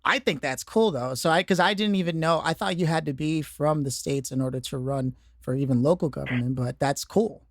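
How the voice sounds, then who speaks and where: A man's voice: a little high, brisk, few pauses, dry recording, studio quality. A man hosting a career podcast, introducing the show and interviewing a guest, earnest and prone to restarting his words. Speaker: podcast host.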